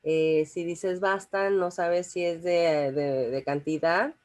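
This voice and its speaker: Young woman lecturing, lower voice, conversational with lots of fillers and check-ins. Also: steady tone, takes it slowly, darkish tone. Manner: conversational, many fillers and restarts, checks in with listeners. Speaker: teacher. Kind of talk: informal classroom lecture.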